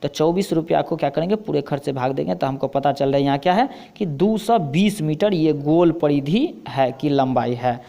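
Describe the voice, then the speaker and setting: A man's voice: on the high side, moderate pace, gravelly, hardly any pauses, warm tone. A man with a Bihari Hindi accent teaching maths, explaining step by step and asking himself questions as he goes. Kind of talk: blackboard lesson.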